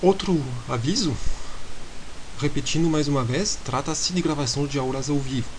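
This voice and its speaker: On a podcast, a man gives an improvised university lecture in Portuguese with a foreign accent, speaking hesitantly and measuredly and spelling things out slowly. His pitch is fairly high, and the lecture recording is low-quality and hissy.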